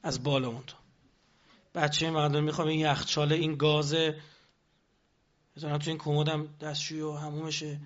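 Animated man lecturing with rhetorical questions. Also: a little high, pauses often, highs cut off. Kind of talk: lecture on politics.

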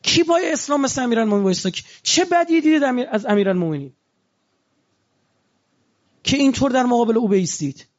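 A man's voice: very high-pitched, lively intonation, long pauses, muffled recording. A man preaching a religious sermon in a conversational way, asking his listeners rhetorical questions.

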